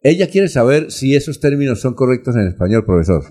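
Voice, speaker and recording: Radio host guy, mellow warm voice, chatty, reads out questions. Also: medium pitch, big pitch swings, a little fast. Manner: conversational, reads listener questions. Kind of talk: radio chat.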